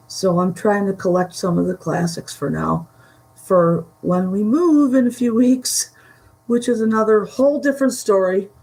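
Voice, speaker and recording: On a casual live stream from a room at home, a woman from the Buffalo area with a Western New York Great Lakes accent chats slowly and haltingly, with many pauses and fillers. Her medium-pitched voice is gravelly and a little mellow, and the audio is poor.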